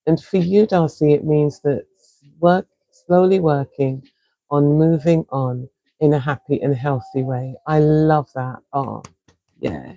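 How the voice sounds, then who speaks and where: A woman from England with a South London accent talks slowly and soothingly as a wellness coach, guiding viewers through a breathing exercise on a live stream. Her voice is mellow and soft-edged, recorded dry and close on a phone or webcam with no room sound. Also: sits low, dry recording, low-quality recording. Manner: slow, soothing and encouraging.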